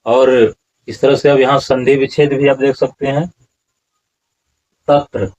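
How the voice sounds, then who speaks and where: In a slow, explanatory Sanskrit lesson, a man breaks verse words into syllables and repeats them to teach pronunciation. His mid-range voice is a little mellow with flat delivery, and the sound is lo-fi.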